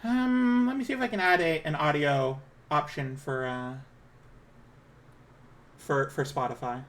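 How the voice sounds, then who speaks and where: A woman with a low-set feminine voice chatting casually on a livestream, hesitant, apologetic and self-conscious in her manner. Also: a little slow. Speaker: live streamer.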